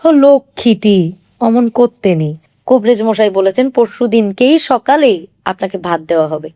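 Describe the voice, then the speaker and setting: A shy young wife , as a woman reader voices her, with a soft, coaxing manner and a slightly raised pitch. She sounds gentle and patient, pleading quietly in a storybook reading. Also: lively intonation, normal speed, lightly acted.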